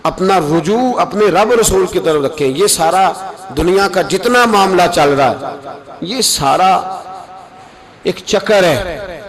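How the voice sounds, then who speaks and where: A man preaching an impassioned sermon, exhorting his listeners and rising to loud, high calls. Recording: sermon recorded with a crowd audible.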